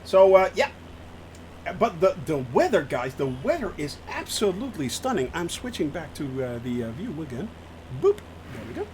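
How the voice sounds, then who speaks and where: A Dutch streamer from the Netherlands, his voice a little high at a normal speed, chats casually and excitedly while flying a simulator, laughing often. There is noise in the background.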